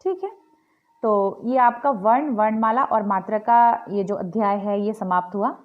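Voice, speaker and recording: Woman teacher doing a home video lesson, spells words out letter by letter, really slow, bit muffled lo-fi sound. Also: mid-range voice, faint music behind. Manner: filled pauses, stretches words. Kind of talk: home-recorded Hindi grammar lesson. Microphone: home video recording.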